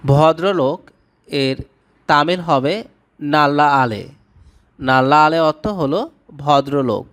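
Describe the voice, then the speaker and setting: A man who speaks Bengali as his first language, giving a scripted language lesson and slowly repeating each word with its meaning. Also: a little high, fairly even intonation, a bit bright. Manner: slow, repetitive word-by-word drilling. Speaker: language teacher.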